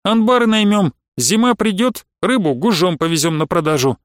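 Guy doing a cool steady merchant, says no without fuss, dry close sound. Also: high voice, moderate pace, no echo, close to an everyday voice. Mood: calm. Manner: calm, steady, firm refusals. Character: calm, firm younger merchant.

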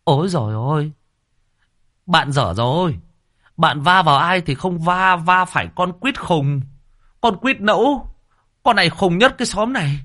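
A man's voice: high voice, expressive, unhurried, pauses often, pushed and bright, pitched above the performer's own voice, heavily acted. A man voicing a tipsy, boastful old drinking buddy, talking in a slurred, whining way in a told story. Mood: mock-mourning.

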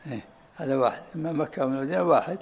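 Man, sheikh teaching a lesson, gravelly voice, unhurried, asks students to repeat. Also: on the high side. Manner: unhurried, often asks "ha?" to have things repeated. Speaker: sheikh teaching a study circle. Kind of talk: lesson commentary with questions and answers.

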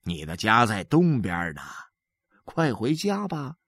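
A man's voice: mid-range voice, huge pitch swings, takes it slowly, a bit bright, dry recording, clean studio sound, exaggerated voice. A man voicing gossipy townspeople who nag a father about his runaway son. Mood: nagging. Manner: nagging, gossipy.

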